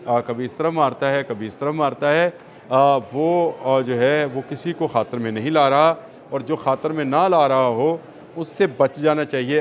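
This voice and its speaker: A man with a Pakistani Urdu accent giving emphatic, repetitive news analysis in a studio discussion, with hesitant fillers. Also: medium pitch.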